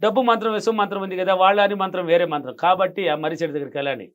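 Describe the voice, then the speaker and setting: Fast, emphatic man giving advice. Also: sits high, fairly even intonation, fairly bright tone. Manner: emphatic, repeats key phrases. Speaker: money affirmation guest. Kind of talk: interview advice. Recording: dull lo-fi sound.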